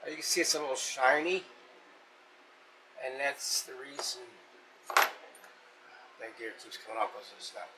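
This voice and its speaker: Unhurried and often pausing, a man with a mid-range voice hosts a casual restoration vlog in his workshop, where he fixes up vintage radios and talks in everyday language. Faint noise sits in the background.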